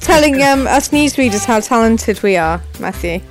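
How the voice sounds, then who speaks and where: A woman's voice: fairly high pitch, expressive, moderate pace. A woman with a posh British accent, a newsreader chatting casually on radio. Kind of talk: casual studio chat. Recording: music playing behind the voice.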